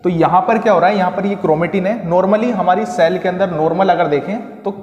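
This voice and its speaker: High-voiced man teaching in an echoey room. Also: fairly quick, a little mellow, lo-fi sound. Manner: asks and answers own questions, repeats key terms. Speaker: tutor. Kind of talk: classroom lesson explaining diagrams. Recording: echoey room with long reverb.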